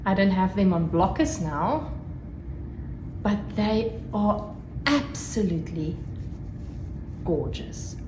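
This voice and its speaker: Animated yet slow, with long pauses, a medium-pitched South African woman whose first language is Afrikaans chats gushingly and casually in a solo craft-podcast vlog. The recording echoes roomily, with a crackling fire and faint background noise.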